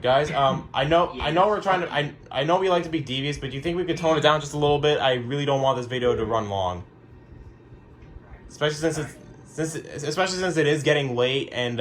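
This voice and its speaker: Speaking fast in a medium-pitched voice, a man casually shows his radio collection at home one night, rambling, restarting sentences, and cursing occasionally. His throat is getting sore. There's a little hiss or hum on the recording.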